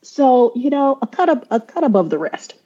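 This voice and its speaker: As a podcast co-host, this woman keeps things chatty, recounting stories and acting out the quoted voices. She speaks at normal speed in a high, very animated voice that's dark and slightly rough. The sound is dull and lo-fi.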